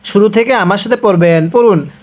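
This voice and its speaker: A man teaching Quran recitation, explaining quickly and then drawing out each word slowly for students to repeat. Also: sits high, darkish tone. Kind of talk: spelling-out recitation lesson.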